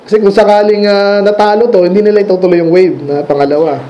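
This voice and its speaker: A man's voice: sits high, fairly even intonation, quick pace, dark tone, slight background noise, low-quality recording. A man preaching a sermon in a church, conversational, asking the congregation questions and laughing at his own stories. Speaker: pastor.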